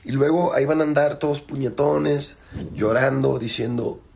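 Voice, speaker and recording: A man's voice: mid-range voice, steady tone, moderate pace, gravelly, darkish tone, a little hiss or hum. A man with a Mexican accent giving a crude, emphatic, slang-filled opinion rant.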